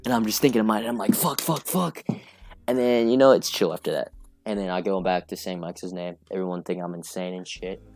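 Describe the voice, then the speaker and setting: Young guy with a really low voice rambling thru a story, lots of likes, faint music behind. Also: fairly even intonation, fast talker, darkish tone. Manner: rambling, filler-heavy, laughs through stories. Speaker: podcast guest. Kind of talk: casual storytelling chat.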